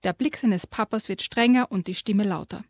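A woman co-hosting a radio show, lively retelling and reading aloud a children's story, giving quoted lines their own voice. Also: mid-range voice, normal speed, no echo, studio quality. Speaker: radio co-host presenting children's books.

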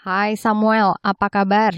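A woman working as a radio host, speaking clearly and courteously in a presenter's style as she narrates and interviews on a close microphone. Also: medium pitch, flat delivery, a little slow, loud music behind the voice.

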